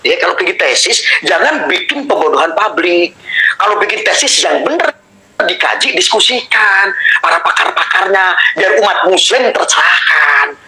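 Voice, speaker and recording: A man from Java, a religious activist making an emotional public appeal, pleading and at times shouting. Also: high-pitched, lively intonation, moderate pace, poor audio.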